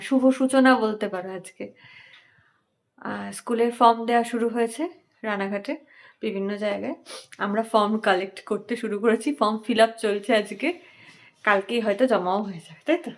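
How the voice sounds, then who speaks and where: A woman vlogger and mother chatting casually at home, talking softly and straight to her viewers. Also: a little high. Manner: soft, homely, talks straight to viewers. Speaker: vlogger, mother of a small boy. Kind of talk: casual home vlog chat.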